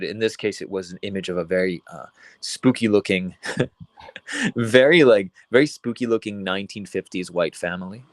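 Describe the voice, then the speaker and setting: A young man from Venezuela talks about his art in a casual interview, his voice sitting very low. He rambles and restarts often, reaching for words as he goes. The recording is dry and close, with no room sound. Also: dry recording. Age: young adult. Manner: rambling, many restarts and fillers. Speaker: artist guest.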